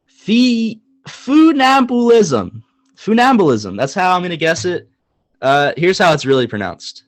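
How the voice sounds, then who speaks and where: A young man co-hosting a casual sports podcast, talking in an animated, joking way and hammering points with repetition. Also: a little high, normal speed, dry recording. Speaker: podcast co-host.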